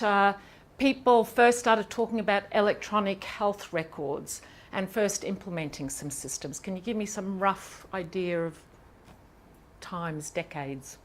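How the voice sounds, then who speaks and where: A woman professor from Ireland leads a seminar lecture in a lecture hall at medium pitch. She keeps it lively and chatty, tossing out quick asides and questions to listeners.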